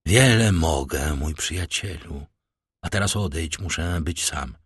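A man voicing a brooding, commanding count, with slow, hushed and solemn speech. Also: extremely low pitch, slightly rough, no room sound, clean studio sound, heavily acted. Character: brooding powerful count, middle-aged man, grave and commanding.

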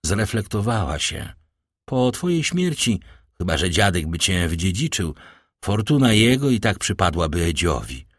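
A man's voice: deep voice, sing-song, normal speed, dry recording, studio quality. A man reading aloud as a grave, fatherly nobleman, speaking in a solemn, reassuring way.

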